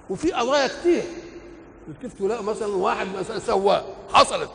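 Older Egyptian preacher in an echoing hall. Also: male voice, high voice, creaky. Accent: Egyptian Arabic. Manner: asks rhetorical questions and answers them himself. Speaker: preacher explaining the Quran. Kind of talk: colloquial religious lecture. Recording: echoey hall with faint noise, old recording.

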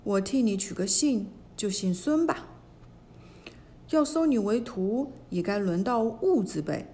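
Lady playing a stern old sage master, scolding, slow storybook voice. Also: medium pitch, lively intonation, warm tone, lightly acted. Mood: calm. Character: stern wise old male immortal master.

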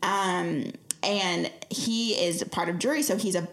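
Young female guest, chatty, filler-heavy storyteller, slightly low voice. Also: measured pace, a bit bright. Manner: chatty, lots of "like" fillers, laughs often. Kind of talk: casual storytelling.

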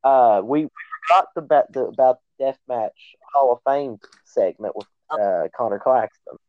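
A man co-hosting a podcast in casual chat, an eager fan with quick reactions. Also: mid-range voice. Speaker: podcast co-host. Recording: tinny phone-like line.

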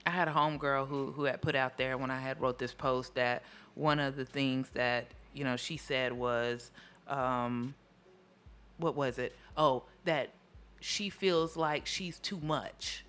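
A man's voice: medium pitch, steady tone, a little slow, fairly bright tone, clear, resonant tone. A man, hosting a casual conversation.

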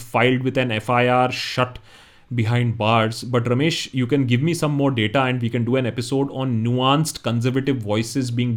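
Indian man hosting a casual live Q&A. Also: medium pitch. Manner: conversational, switches between English and Hindi. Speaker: host. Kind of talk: casual live audience Q&A talk.

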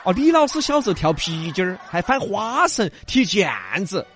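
A man's voice: high-pitched, very animated, moderate pace, background noise. A man, around his thirties, speaking Sichuan dialect as a comedy co-host, bantering with a teasing, mock-scolding manner.

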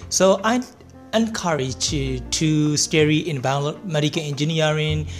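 A young adult with a Burmese accent answers interview questions in non-native English, halting and repeating phrases. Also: medium pitch, soft background music. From Myanmar. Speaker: interview guest, biomedical engineering researcher.

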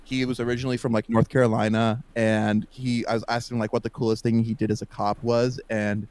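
A man's voice: mid-range voice, little pitch movement, brisk, darkish tone, clear, resonant tone. A young man, a podcast guest, telling a long story in a casual, rambling way, with lots of fillers and laughs, over a voice call.

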